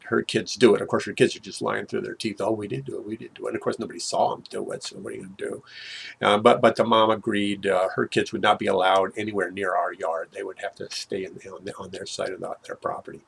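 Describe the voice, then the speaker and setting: An older man telling a personal story in a halting way, with many fillers and restarts, his voice dropping low at grim moments. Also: a bit bright. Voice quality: gravelly, husky voice.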